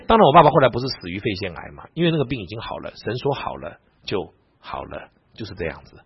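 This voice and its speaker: Husky fast-talking male preacher. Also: fairly low pitch. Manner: animated, quick, retells dialogue with lively asides. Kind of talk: storytelling sermon. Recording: dull lo-fi recording, dry.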